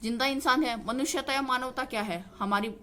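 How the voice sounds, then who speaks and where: A woman's voice: sits high, a little fast, sharp tone. Woman teaching grammar, questioning her own points. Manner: explains by asking and answering her own questions, repeats "ठीक है". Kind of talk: classroom-style grammar lesson.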